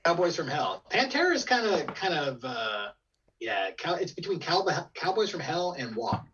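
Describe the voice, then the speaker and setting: A man's voice: on the high side, very animated, moderate pace, a bit bright, breathy edge. A man from California chatting casually as a co-host on a slightly muffled, lo-fi microphone. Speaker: co-host of a collectibles talk stream. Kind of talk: casual group chat.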